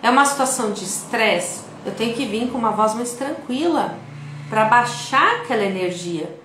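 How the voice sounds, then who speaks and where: A woman's voice: a little high, expressive, moderate pace, a bit bright, slight background noise. A woman with a Brazilian Portuguese accent giving an online video lesson in a conversational way, often checking in with the viewer. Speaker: instructor. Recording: echoey room.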